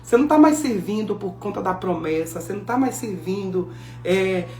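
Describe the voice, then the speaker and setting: A woman preaching a sermon, telling the story with lively acted-out dialogue. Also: mid-range voice, a little fast. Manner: animated storytelling, acting out biblical dialogue. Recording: echoey room with faint music.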